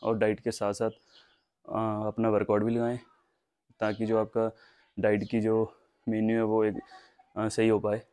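A man's voice: on the low side, monotone, unhurried, pauses often, darkish tone, smooth. A young man chatting casually to camera in a home vlog, sounding tired after heavy work and giving viewers plain advice. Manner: casual, advising viewers directly. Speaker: fitness vlogger. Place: veranda of a house, covered, half outdoors.

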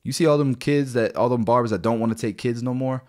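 He talks fast, with a medium-pitched voice and a darkish tone. The speaker is a barber business mentor in his thirties, addressing the camera bluntly about finance from a small home studio, mouth close to a podcast mic and peppering his talk with "guys" and "right."

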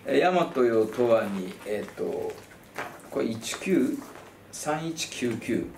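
Brief: male film-talk host, Kansai dialect in daily life, animated and jokey, very lively pitch, roomy echo. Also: slow pace, vocal fry, noisy background. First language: Kansai dialect speaker.

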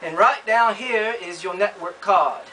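A man's voice: high-pitched, unhurried, pushed and bright, recorded from a distance, slight background noise, low-quality recording. A man hosting a mock repair demonstration in a bumbling, overconfident, know-it-all manner. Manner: bumbling, overconfident, falsely expert. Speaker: host of a parody repair video.

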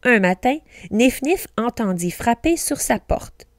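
A woman teacher reading a storybook aloud slowly, carefully pronouncing each word for learners. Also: fairly high pitch, lively intonation, no room sound, studio quality.

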